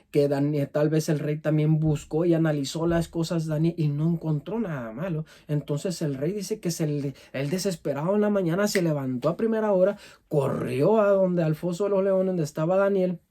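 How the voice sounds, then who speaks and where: A man preaching with a Latin American Spanish accent. His voice is mellow and a touch high, and he delivers the sermon earnestly, repeating words as he reads scripture.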